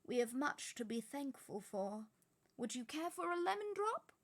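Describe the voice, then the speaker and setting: Woman doing an elderly wizard: kindly, amused, slow, soft-spoken, slightly high. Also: sing-song, heavily acted. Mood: gentle. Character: old male wizard, gentle and amused.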